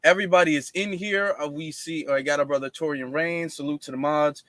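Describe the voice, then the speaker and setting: A man's voice: a little high, fairly even intonation, brisk, fairly bright tone, dry recording. A man hosting a casual livestream, explaining at length to viewers with many fillers and restarts. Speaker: livestream host.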